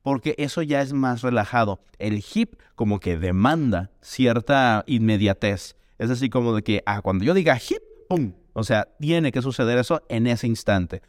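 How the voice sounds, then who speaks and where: Man, music teacher, smooth clear voice, dry close sound, explains and demonstrates. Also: mid-range voice, lively intonation, normal speed, few pauses, dry recording. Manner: explains with demonstrations, chants rhythm syllables. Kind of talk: teaching a Dalcroze lesson.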